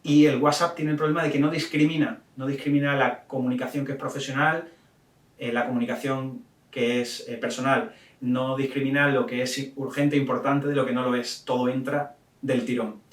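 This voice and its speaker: A man's voice: mid-range voice, flat delivery, moderate pace, distant mic. A man giving an online training talk, explaining step by step with many fillers and restarts. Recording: echoey room, off the mic.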